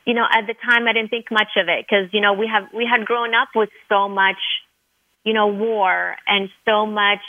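This interview guest, a dentist in middle age who grew up in Lebanon speaking Arabic first, shares her story with earnest sincerity and frequent fillers. She talks at a normal speed in a steady, mid-range voice, heard through narrow, tinny audio.

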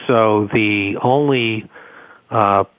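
Low-voiced man with a Boston accent. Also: drawn-out words, no echo, narrow, tinny audio. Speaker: company representative, interview guest. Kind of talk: explanatory interview answers.

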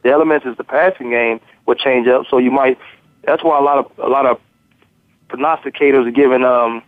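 A man's voice: mid-range voice, steady tone, brisk, dry recording. A man calling in to a sports radio show as co-host, giving casual football analysis and repeating words as he goes. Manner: repeats words, loose and talkative. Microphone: telephone. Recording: tinny phone line.

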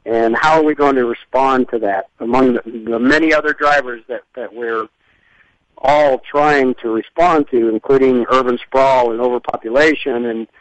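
Guy with a head cold explaining stuff on radio, halting n thoughtful, dry lofi sound. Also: mid-range voice, no room sound, highs cut off. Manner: halting, thoughtful, long-winded. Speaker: interview guest, environmental scientist. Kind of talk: explanatory radio interview talk.

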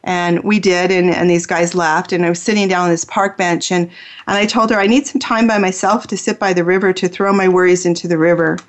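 A woman's voice: fairly low pitch, fairly even intonation, a little fast. A woman who hosts a spiritual healing radio show, telling a personal story in an earnest, heartfelt way.

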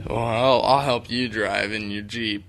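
A teenage boy co-hosting a casual chat show, teasing and excitable, often laughing. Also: lowish voice, unhurried, noisy background. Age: teens. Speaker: co-host.

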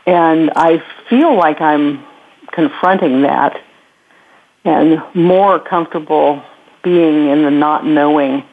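Give me a deep-voiced woman radio show caller on a phone line, halting and unsure of herself. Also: vocal fry. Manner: halting, self-deprecating, searching for words. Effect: radio show caller heard over a phone line.

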